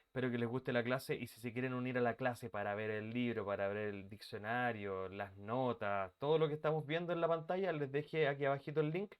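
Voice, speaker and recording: A man's voice: mid-range voice, steady tone, brisk, clean tone. Casual man teaching online from home. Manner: casual, greets students by name, switches into English phrases. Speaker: English teacher. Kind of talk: online class taught live. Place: bedroom used as an office. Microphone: computer mic on a video call.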